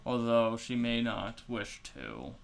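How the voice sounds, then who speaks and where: A man narrating a tabletop game as game master, explaining in an unhurried, filler-heavy way. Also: medium pitch, sing-song, gravelly.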